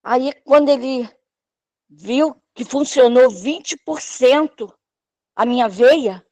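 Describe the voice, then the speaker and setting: A woman tells her healing testimony at a church service. She speaks slowly and with emotion, raising her voice to act out the doctors' words. Her voice is recorded close and dry, with no room sound. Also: sits high, darkish tone, dry recording. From Brazil. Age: 60s. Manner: emotional storytelling, acting out the doctors' lines. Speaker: church member giving testimony.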